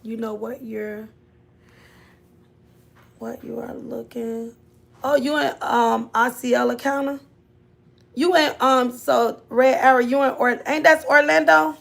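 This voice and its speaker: A Florida woman with a Southern accent hosts a casual livestream, chatting loosely and drawling with viewers while scolding her kids off-mic. Her voice is on the high side, steady, creaky, slow, and she pauses often.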